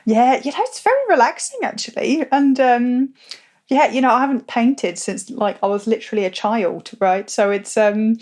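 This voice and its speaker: A woman's voice: on the high side, moderate pace, a little mellow. A woman co-hosting a podcast, chatting casually with lots of fillers and easy laughs. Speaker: podcast co-host. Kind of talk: casual chat.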